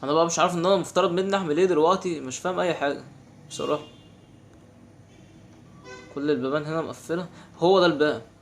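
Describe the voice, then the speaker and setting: A man's voice: a little high, soft background music. A young man with an Egyptian Arabic accent giving casual, exasperated commentary while playing a game. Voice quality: quick, animated, exasperated banter. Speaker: gaming channel host.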